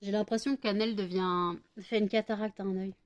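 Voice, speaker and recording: A woman's voice: medium pitch, steady tone, fairly quick, lo-fi sound. A middle-aged woman from France chatting casually in a home vlog, rambling with many fillers and cooing baby talk to her dogs. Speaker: vlogger.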